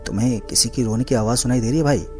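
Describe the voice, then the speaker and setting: A man's voice: mid-range voice, very fast, warm tone, faint music behind, lightly acted. A man voicing a frightened young village man in a horror story, asking anxious questions. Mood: scared.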